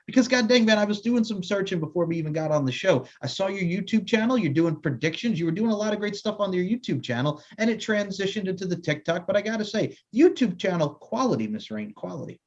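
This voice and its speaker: A man's voice: sits high, big pitch swings, quick pace, few pauses. A man hosting a casual interview, speaking effusively and emphatically and repeating his phrases. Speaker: interview host. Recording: slightly dull, lo-fi audio.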